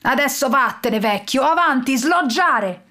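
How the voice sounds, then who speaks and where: A woman voicing a big, pompous male villain lord who blusters and shouts threats. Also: high voice, expressive, measured pace, pitched above the performer's own voice, exaggerated voice. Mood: gloating.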